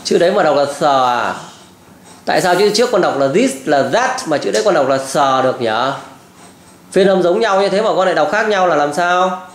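A man's voice: sits high, animated, fairly quick, echoey room. A man tutoring a child at home, firmly correcting and repeating model words. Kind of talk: pronunciation drill.

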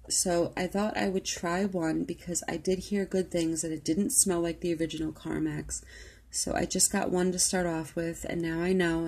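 A woman's voice: on the low side, warm tone, slightly rough. A woman vlogger chatting casually through a product haul, rambling with lots of "um" and "like". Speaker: beauty vlogger.

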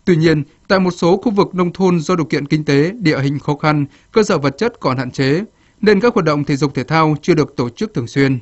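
A male reporter reading a formal, scripted news report in a steady cadence, moving through lists of figures one by one. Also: on the high side. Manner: steady formal read with measured list cadence. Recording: dull lo-fi broadcast audio.

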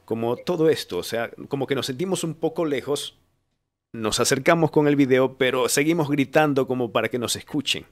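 A man's voice: medium pitch, brisk. A young man hosting a casual video call chat, telling stories in a chatty, rambling way from a home studio with a stand mic. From Ecuador, Manabí. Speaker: host.

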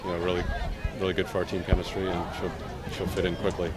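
A middle-aged man, a head coach, giving a measured post-game interview full of pauses and fillers. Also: sits low, little pitch movement. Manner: measured, frequent "uh" and "you know". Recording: loud outdoor stadium crowd and noise.

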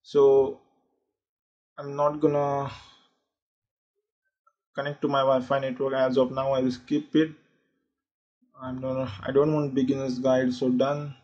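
A man's voice: medium pitch, level tone, a little slow, long pauses, a little mellow. A man walking through a phone tutorial in a casual, explanatory way, with frequent fillers. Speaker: tech channel host. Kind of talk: tutorial walkthrough. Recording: dull lo-fi sound.

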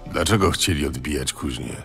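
An actor playing a stoic, battle-worn monster hunter in a video game, terse and deadpan with a gravelly voice. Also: male voice, extremely low pitch, a little fast, exaggerated voice. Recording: game music under the voice.

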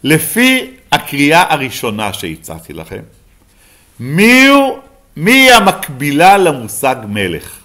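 Lively rabbi quizzing his class. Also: on the high side. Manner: questions the class and answers himself. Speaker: rabbi teaching a Bible class. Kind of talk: Bible lesson to a live class.

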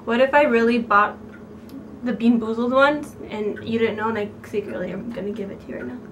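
A woman's voice: on the high side, brisk, a bit bright. A woman in her twenties chatting casually and playfully, with a teasing, competitive manner. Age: 20s. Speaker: challenge vlogger. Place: small room indoors. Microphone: camera a few feet away. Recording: roomy distant camera mic, faint background noise.

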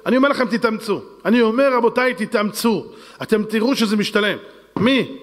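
A male rabbi with a high voice pleads and presses his congregation, repeating his appeal over and over. His words ring out with long reverb in a synagogue hall. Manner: insistent, pleading, repetitive. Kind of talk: fundraising sermon appeal. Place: synagogue hall with women's section.

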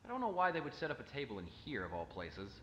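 A man's voice: medium pitch, wildly swooping pitch, quick pace, echoey room, dull audio, noisy background. A man narrating a first-person found-footage exploration, wary and muttering to himself as he goes.

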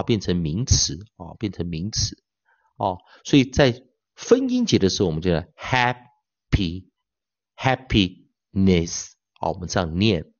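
A man teaching pronunciation in an online lecture, his low voice swooping up and down with energy. He sprinkles drawn-out filler particles between phrases and stretches demonstration words slowly. The sound is dull and lo-fi, close and dry. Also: darkish tone, no room sound. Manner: drawls out demo words slowly and repeatedly.

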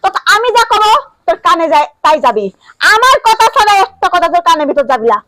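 An actress playing a sharp-tongued village wife who scolds her husband in rapid bursts, in a comic short film. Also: very high voice, big pitch swings, dry recording, exaggerated voice. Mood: scolding.

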